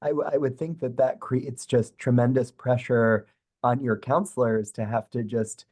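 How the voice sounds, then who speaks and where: A man moderating a panel discussion with a hoarse, worn voice, asking long, rambling follow-up questions. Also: medium pitch, steady tone, moderate pace, darkish tone. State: hoarse, lost voice.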